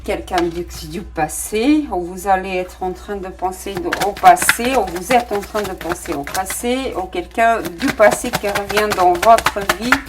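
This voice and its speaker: A middle-aged woman does a casual tarot reading against a noisy background. Her medium-pitched voice carries a non-native French accent, and she hesitates often, filling pauses and exclaiming with delight at the cards.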